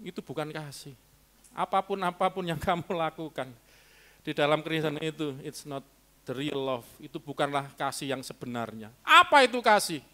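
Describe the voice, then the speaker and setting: A man preaching a sermon in a church, animated and emphatic, slipping in local words and short chuckles. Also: a little high, normal speed. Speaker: pastor. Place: church sanctuary.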